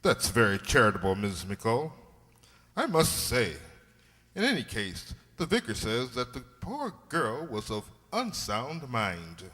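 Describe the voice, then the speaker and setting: Man playing Doctor Watson, animated and blustery. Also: mid-range voice, measured pace, full character voice. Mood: genial, polite. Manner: pompous, blustering. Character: blustery, earnest gentleman doctor, detective's loyal companion. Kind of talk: radio play acting and narration. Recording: echoey hall.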